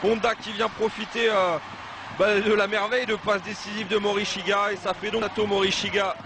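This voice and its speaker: A man giving live football match commentary, with excited exclamations when play heats up. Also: high-pitched, fairly quick. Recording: noisy live match broadcast.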